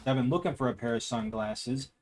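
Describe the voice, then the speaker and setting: Streaming live from home, a somewhat deep-voiced man talks into a desk mic in a casual, meandering way, thinking aloud without hurry. His tone is a little mellow, and faint music plays behind him.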